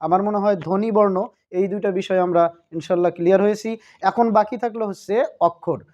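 A man from Bangladesh gives a recorded video grammar lesson, repeatedly asking questions and answering them himself while going back over key points. His voice is high-pitched, steady, fast and a little mellow, captured on a dull lo-fi recording.

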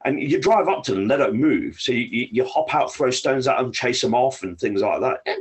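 A man's voice: mid-range voice, expressive, brisk, breathy edge. A man with an English accent, a podcast guest telling rambling stories and swearing freely. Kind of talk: casual storytelling.

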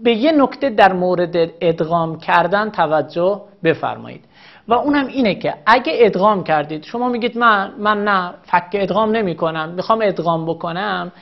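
Woman teaching grammar step by step, low-ish voice, patient, kinda muffled lo-fi audio. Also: expressive. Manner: patient, methodical, repeats examples slowly. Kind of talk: recorded grammar lesson.

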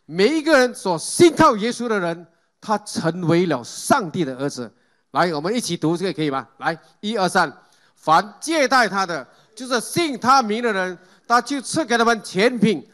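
A man's voice: sits high, fairly bright tone. A man preaching a sermon, calling out Amen and Hallelujah and putting questions to the congregation. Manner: asks the congregation questions and leads group reading.

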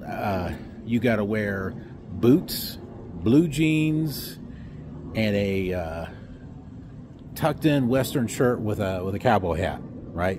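Here a trucking vlogger, middle-aged, rants outdoors by a block wall with his phone at arm's length. His pitch is fairly low, background noise is present, and his sarcastic rambling is full of fillers.

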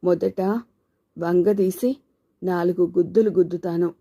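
A woman voicing an aging mother who is blunt, scolding and quick to anger, in an audiobook story. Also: lowish voice, fairly even intonation, warm tone. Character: aging mother, fierce and grieving widow-like matriarch.

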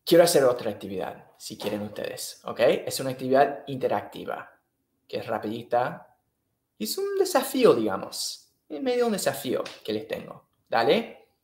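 A man's voice: medium pitch, big pitch swings, normal speed, darkish tone, echoey room. A man teaching English in a live online class, patiently repeating and checking in with the students. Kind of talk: live-streamed online lesson.

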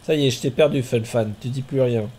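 A man streaming a marbles race game, commenting in a chatty way with bursts of excited exclamations. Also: mid-range voice, a little fast.

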